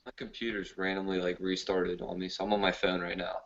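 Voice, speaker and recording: Deep flat-voiced man over the phone. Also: fast. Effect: speaking over a phone. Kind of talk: casual chat. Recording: thin, muffled phone audio with faint noise.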